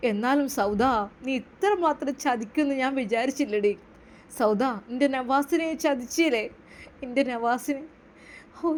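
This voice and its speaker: A woman's voice: sits high, a little mellow, a little hiss or hum, natural voice. A woman voicing a sorrowful middle-aged mother who pleads tearfully.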